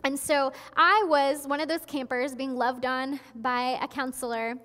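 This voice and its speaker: Young female pastor, high voice, chatty earnest sermon, headset mic in a reverberant sanctuary. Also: steady tone, a little slow, fairly bright tone. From Florida. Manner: chatty and earnest, with frequent restarts and asides. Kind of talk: conversational sermon. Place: large church sanctuary, at a pulpit.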